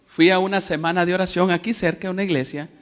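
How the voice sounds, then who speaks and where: A man, preaching a sermon as pastor, telling stories in a chatty way and building to loud preaching. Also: sits high, steady tone, fast talker. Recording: long hall reverb.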